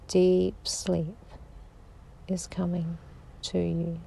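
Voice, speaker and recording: Woman, sleep meditation guide, soothing, half-whispered, gravelly, flat. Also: lowish voice. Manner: slow, soothing, drifting into whispers.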